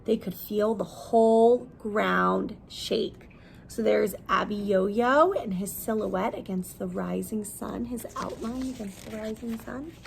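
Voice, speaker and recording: A woman teacher reads a picture book aloud with expression, stopping to explain things in simple words for young children. Her voice is medium-pitched with vocal fry, and the poor audio has slight background noise.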